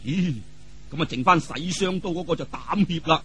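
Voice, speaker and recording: Speaking Cantonese with a Hong Kong or Guangdong accent, a man tells a martial arts story in the theatrical, colloquial manner of traditional storytelling, packed with vivid exclamations and spoken sound effects. His slightly high voice sounds pushed and bright, with a breathy edge, at an ordinary pace.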